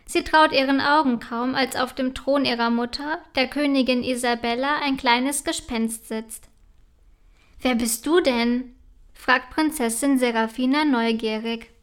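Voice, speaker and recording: A woman narrating a children's story in a calm, clear storytelling manner. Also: high voice, normal speed.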